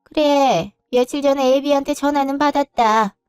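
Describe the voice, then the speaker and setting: A woman's voice: sits high, moderate pace, a little mellow, soft background music, pitched above the performer's own voice, lightly acted. A woman voicing a reproachful, pushy middle-aged mother-in-law who talks down and scolds in a story reading. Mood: puzzled, calm.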